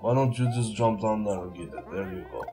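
A man's voice: fairly low pitch, fairly quick, over music. A man with a congested voice, hosting and rambling through casual gameplay commentary as he coaches a player. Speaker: host.

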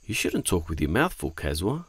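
A man voicing a calm, caring male cartoon friend who gives soft-spoken advice. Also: low voice, normal speed, breathy edge, no echo, full character voice. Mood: advising. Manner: gentle, advising, soft-spoken. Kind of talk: animated children's cartoon acting.

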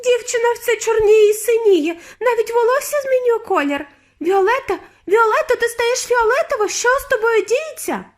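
A woman's voice: very high voice, moderate pace, hardly any pauses, pitched above the performer's own voice. A woman voicing a panicked mother who screeches and wails in an audiobook reading. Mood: shrieking alarm. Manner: screeching, wailing, near tears. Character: shrieking panicked mother, middle-aged woman.

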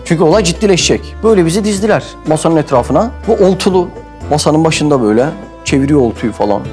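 Man, animated storyteller, quick, high voice, acts out the voices. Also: soft background music. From Mersin, Turkey. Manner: lively, acts out quoted voices and shouts. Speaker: host and storyteller. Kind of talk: animated comic anecdote storytelling.

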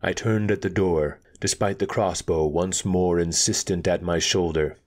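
A man reading a fantasy story aloud in a steady, measured narration. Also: deep voice. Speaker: audiobook reader.

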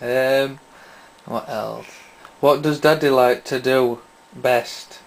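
In a small bedroom, an adult with a Yorkshire accent chats casually with a small child, asking simple questions and repeating the answers back. The voice is medium-pitched, steady, and slow, with vocal fry, recorded on a camera mic while the speaker stays off camera.

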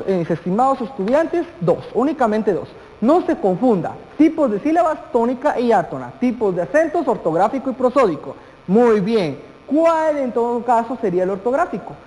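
A teacher leads a televised lesson, turning to the students with questions and drawing out the words that matter. The voice sits at a mid pitch. It rings with a long reverb, as if recorded in a large hall. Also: a little mellow. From Guatemala. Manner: addresses students directly, asks questions, stretches key words.

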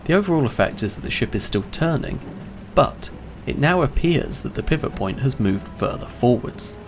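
A man giving a scripted, clear and measured explainer narration about handling ships. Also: mid-range voice, animated, a little hiss or hum. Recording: voice-over with faint music behind.

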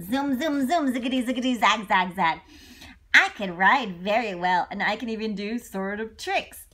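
A woman voicing an excitable, curious little boy monkey in a children's storybook, exclaiming with whoops and squeals. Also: a little high, takes it slowly, long pauses, heavily acted. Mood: thrilled, gleeful. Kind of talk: children's storybook read-along.

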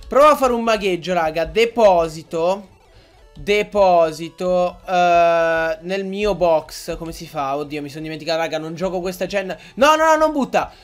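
A young man giving excitable Let's Play commentary, swearing and yelling at the game as he plays. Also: high-pitched. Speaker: gaming YouTuber.

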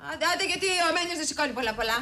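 A woman's voice: sits high, expressive, pushed and bright. An actress playing a bossy, scolding woman at home in a television drama.

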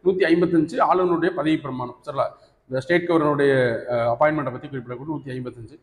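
Speaking quickly in a higher register, a Tamil-accented man runs an exam coaching session, mixing in English terms and repeatedly checking with his students by asking "right?" The sound echoes as though captured in a hall.

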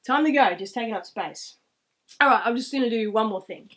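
Seated indoors in a small room at home, a vlogger in her thirties with an Australian accent tells stories to camera in a casual, rambling, reflective way. Her voice is a little high, animated and a bit bright, and she talks fairly quickly.

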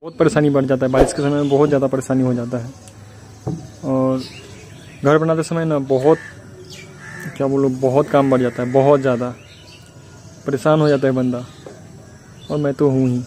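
A man's voice: mid-range voice, level tone, moderate pace, pauses often, mellow, a little hiss or hum. Young man vlogging outdoors by phone. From Bihar, India. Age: young adult. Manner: chatty, complaining, explains step by step. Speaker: village vlogger. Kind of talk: casual vlog to camera. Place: outdoors at a building site and rice fields. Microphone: phone held at arm's length.

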